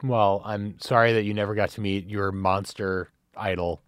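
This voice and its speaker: A man hosts a casual podcast interview, asking questions with a joking, animated edge. His voice is on the low side. The recording is dry and close. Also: moderate pace, smooth, dry recording. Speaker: podcast host.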